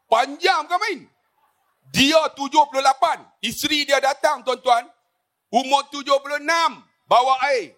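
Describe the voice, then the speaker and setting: Man in his 50s, very high voice, bright and forceful, joking religious forum storytelling. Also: normal speed. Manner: jokey storytelling, addresses the audience often. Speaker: religious speaker on a forum panel. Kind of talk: humorous religious forum talk.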